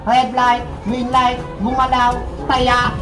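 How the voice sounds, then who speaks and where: A woman voicing a sinister giant doll who calls out the game in a slow sing-song chant and cackles at the players. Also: a little high, monotone. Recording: music playing behind.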